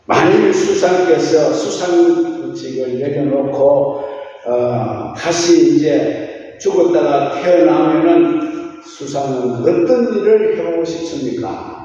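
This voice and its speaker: A man's voice: a little high, mellow. A middle-aged man from the region, a pastor, preaching a sermon in a folksy, sing-song cadence full of rhetorical questions to the congregation. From Gyeongsang region, Korea. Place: church sanctuary. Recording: echoey church hall, mic at a distance, dull sound.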